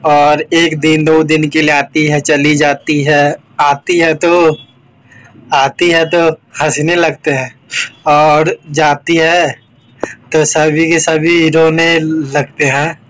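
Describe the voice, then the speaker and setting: A man's voice: a little high, flat delivery, takes it slowly, fairly bright tone, poor audio. A young man chatting casually to his vlog camera in a wistful, reflective way. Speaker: vlogger.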